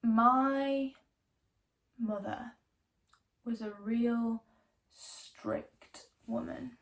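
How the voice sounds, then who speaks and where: A woman playing a wry, defiant young woman obsessed with ghost stories in a theatrical dramatic monologue, emphatic and full of lingering pauses. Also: fairly high pitch, fairly even intonation, vocal fry. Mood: subdued, confiding.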